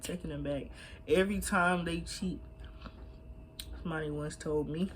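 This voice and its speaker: A woman's voice: lowish voice, a little hiss or hum. Blunt young woman chatting while eating. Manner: blunt, emphatic, slangy. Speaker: mukbang vlogger. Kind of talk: casual advice chat.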